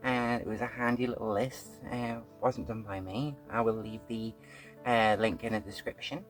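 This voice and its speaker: A woman's voice: rumbling low, moderate pace, soft background music. A woman hosting a casual reaction video, talking frankly with plenty of fillers and restarts. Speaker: host.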